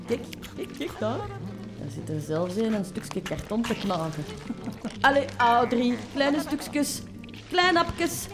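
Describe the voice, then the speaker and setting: A woman's voice: a little high, animated, slow pace. A woman with a Flemish accent playing a chatty, easygoing worm who runs a hotel, in a children's drama. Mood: lively, showing around. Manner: folksy, chatty, explanatory. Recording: music under the voice.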